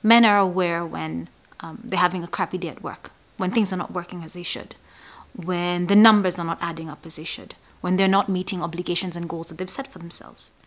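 A woman psychologist explaining a mental health topic to camera, speaking emphatically and dropping to soft, breathy asides on key points. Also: on the low side, fairly even intonation, brisk, few pauses. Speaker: psychologist hosting an educational channel.

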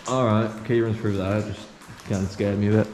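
A young man with a casual, swearing commentary, exploring a dark abandoned building on a handheld camera. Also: on the low side, fairly even intonation, slight background noise. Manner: chatty, swearing, quick running commentary. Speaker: urban explorer host. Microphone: camera held at arm's length. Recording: music playing under the voice.

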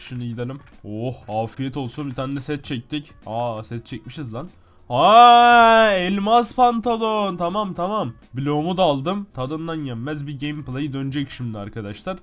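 A young man doing casual gameplay commentary while sick with a slight cough. He swings between muttering that he is calm and sudden shouting outbursts. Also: on the high side. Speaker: gaming YouTuber.

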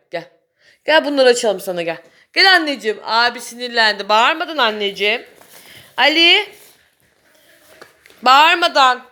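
A woman's voice: sits high, pushed and bright. A young mother talking to her small children in a casual family vlog, coaxing and cooing at them.

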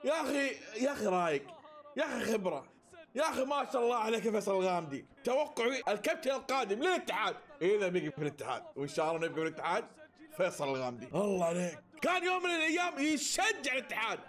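A man reacting live to a football match, excitable and often breaking into shouted cheers. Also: sits high, racing.

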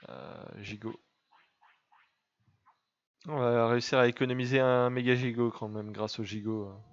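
A man's voice: mid-range voice, measured pace, dull audio. A young man giving casual gameplay commentary, chatting and teasing his game pet. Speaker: let's play gamer.

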